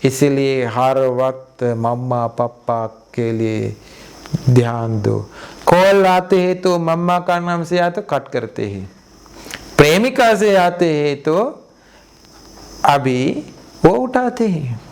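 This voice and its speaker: A man's voice: fairly high pitch, expressive, slow, smooth. A man from Sri Lanka, a Buddhist monk giving a sermon in simple, Hindi and repeating his phrases for emphasis.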